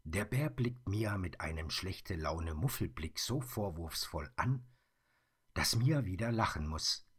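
A man reading a children's story aloud in a soft, often whispered narration. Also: low-pitched, lively intonation, measured pace, husky.

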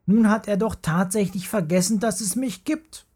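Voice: mid-range voice, normal speed, warm tone, slightly rough, pitched above the performer's own voice, lightly acted. A narrator voicing a messy young schoolboy in a children's story who grumbles and sulks. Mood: sulky. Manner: grumbling and sulky.

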